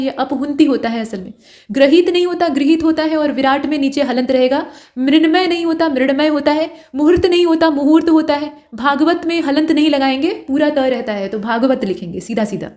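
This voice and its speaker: A woman with a high voice leads an exam-prep spelling lesson. She works through each wrong form and then gives the right one, explaining the rule in a steady, step-by-step way. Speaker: teacher.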